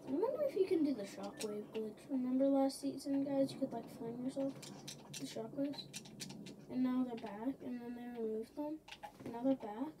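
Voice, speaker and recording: High-voiced woman rambling over gameplay. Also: normal speed. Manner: rambling, silly, jokey. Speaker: gaming video creator. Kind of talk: gameplay commentary. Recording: noisy background.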